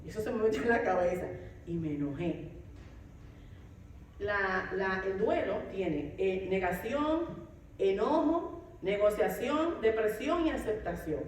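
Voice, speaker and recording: A woman speaking at a middle pitch, telling her story as a mother in a lively, animated way and acting out what she once said. She sounds a little far from the mic, in a very echoey room with some faint noise behind her. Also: a little slow. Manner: animated storytelling, acts out her own past words. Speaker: mother sharing a testimony. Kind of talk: personal testimony.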